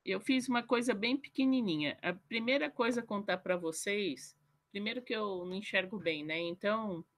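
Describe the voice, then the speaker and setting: A woman on a video call in an online book club, chatting casually and self-deprecatingly, and reading her own short poem slowly. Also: medium pitch, a bit bright. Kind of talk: casual online group chat. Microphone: computer mic on a video call.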